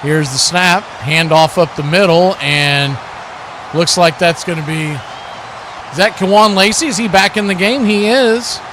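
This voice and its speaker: A male announcer with a notably high-pitched voice calls live football play-by-play in short, clipped phrases that track the action. He sounds unhurried, and a clear, steady layer of background noise sits behind him.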